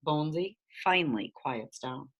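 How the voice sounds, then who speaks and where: Woman, children's story narration, lowish voice, very lively pitch, expressive. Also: normal speed.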